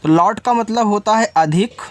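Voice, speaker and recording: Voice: medium pitch, moderate pace, no room sound. A teacher giving a step-by-step spelling lesson, spelling each word out letter by letter and then explaining it directly to the learner in an informal way. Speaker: English teacher.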